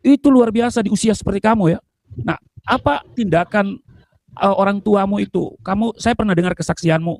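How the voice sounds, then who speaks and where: High-voiced man interviewing, pastoral. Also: a little fast, darkish tone, no echo. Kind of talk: church testimony interview.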